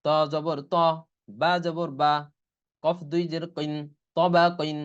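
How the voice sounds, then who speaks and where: Slow, clear-voiced man drilling Arabic letters. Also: fairly high pitch, flat delivery, muffled recording. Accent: Bangladeshi Bengali. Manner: slow syllable-by-syllable spelling drill. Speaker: Quran teacher. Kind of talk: online Quran reading lesson.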